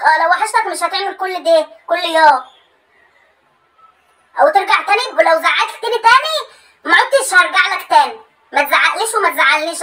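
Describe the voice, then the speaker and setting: High, bright Egyptian woman ranting. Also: low-quality recording. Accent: Egyptian Arabic. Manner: emphatic, complaining, repeats herself. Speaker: comedy sketch creator. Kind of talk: comedic monologue with phone calls.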